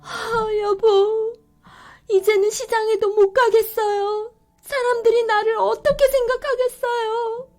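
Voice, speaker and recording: A woman voicing a flustered, tearful mother in a children's story, with a shrill, pleading manner. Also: level tone, moderate pace, few pauses, mellow. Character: flustered mother, suddenly tiny, tearful and indignant. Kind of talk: storybook voice acting.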